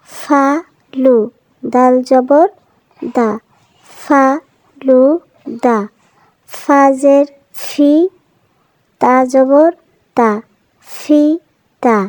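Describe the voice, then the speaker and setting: A woman teacher sounds out letters and syllables for children at a very slow, deliberate pace, saying each one twice. Her voice sits high, and the recording is dry and close with no room sound. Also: fairly even intonation, darkish tone, dry recording. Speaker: Quran reading teacher. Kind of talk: slow phonics drill for children. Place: voice-over for a cartoon lesson.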